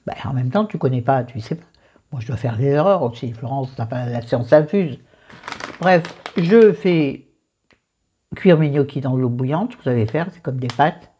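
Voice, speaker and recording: A woman's voice: extremely low pitch, lively intonation, normal speed, mellow, lo-fi sound, a little hiss or hum. A woman casually walking viewers through a recipe, chatty and digressive, with joking asides to herself. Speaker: cooking vlogger.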